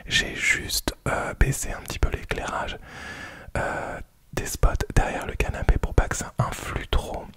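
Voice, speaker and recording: In an informal ASMR unboxing, a man whispers quietly at a measured pace, sounding hesitant and nighttime-soft as he presents a product.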